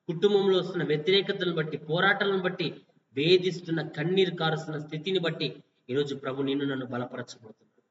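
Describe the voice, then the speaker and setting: A man preaching a fasting-prayer sermon, firing repetitive rhetorical questions at listeners and swinging between loud exhortation and quiet passages. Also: on the high side, slight background noise. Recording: distant, echoey, dull lo-fi.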